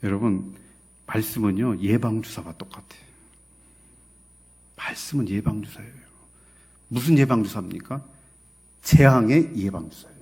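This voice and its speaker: A middle-aged man preaching a sermon as a pastor, telling stories with quoted dialogue and swinging between loud and soft. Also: lowish voice, normal speed, pauses often, slightly rough. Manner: storytelling with quoted dialogue, emphatic and swinging in loudness. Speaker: associate pastor.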